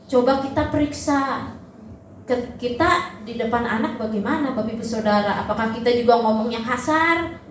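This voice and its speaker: A woman with a high voice delivers a sermon in a church, animated and expressive as she acts out parents and small children. Her voice rings through a very echoey hall. Faint background noise sits under it. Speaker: preacher.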